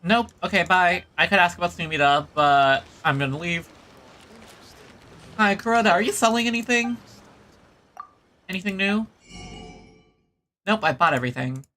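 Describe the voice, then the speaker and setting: A game streamer gives casual live commentary on his gameplay, reads some text aloud, and frequently mutters little asides to himself. His high-pitched voice is animated, pushed and bright, at normal speed with frequent pauses, and a little hiss or hum is audible.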